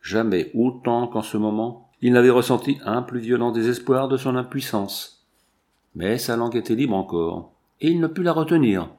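A man reading a novel aloud in a measured, dramatic narration. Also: medium pitch, a little mellow. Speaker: audiobook reader. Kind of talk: scripted narration.

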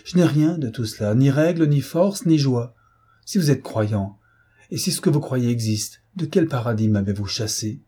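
Embittered young son, male reader, impassioned and reproachful, husky. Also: on the low side, moderate pace, hardly any pauses, warm tone. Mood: bitter. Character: embittered young man accusing his parents.

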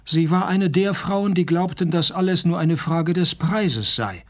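A man playing a cynical, hard-drinking noir private detective in a radio crime drama, dry and deadpan. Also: high voice, unhurried. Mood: dry, weary. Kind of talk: scripted radio crime drama with first-person narration.

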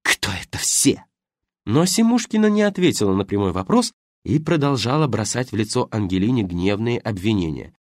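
A male audiobook narrator whose voice rises and falls in a lively, expressive way. The recording is dry and close, with no room sound. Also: on the low side, fairly quick, no room sound. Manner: expressive storytelling.

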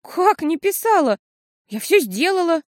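A woman reading an audiobook, voicing an excitable, emotional young schoolgirl with high, breathless exclamations. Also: normal speed, no echo, clean studio sound. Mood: excited. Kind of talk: audiobook character voice.

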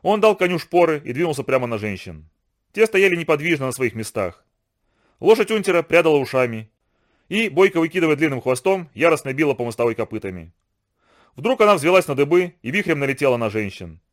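A man's voice: fairly high pitch, a little fast. Man narrating an audiobook expressively. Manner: expressive, lively storytelling.

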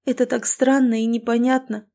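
A woman's voice: on the high side, flat delivery, moderate pace, gravelly, mellow, voice pushed up. A woman voicing a fierce, emotional young werewolf woman in an audiobook, speaking in an agitated, raised tone. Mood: shaken.

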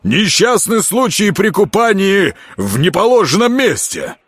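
A man's voice: high-pitched, big pitch swings, a little slow, a bit bright, slightly rough, dry recording, pitched above the performer's own voice, heavily acted. A man voicing a petty, spiteful male prosecutor who squeals officiously in an audiobook.

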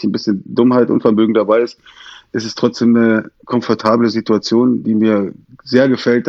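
A man discussing football casually and in measured phrases as a podcast guest, on a lo-fi link. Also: fairly low pitch, a little mellow, no room sound.

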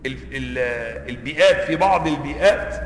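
A man's voice: mid-range voice, lively intonation, a little fast, a little hiss or hum. An Egyptian man, a sheikh teaching Quranic sciences, who explains points, asks his class questions and repeats words to show how they are pronounced. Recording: echoey hall, long reverb.

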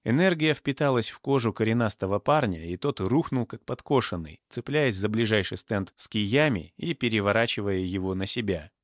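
A man narrating an audiobook in a lively storytelling manner. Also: on the low side, normal speed, hardly any pauses, no room sound, studio quality. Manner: lively storytelling, soft asides.

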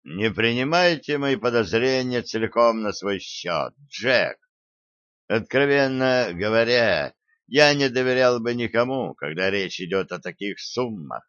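A man's voice: medium pitch, expressive, unhurried, a bit bright, no echo, highs cut off. A man voicing Grenville, a suspicious, blunt male partner in a shady deal. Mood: wary blunt.

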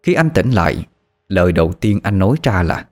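A man reading a sad story aloud in slow, mournful scripted narration. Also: sits low, very animated. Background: faint music.

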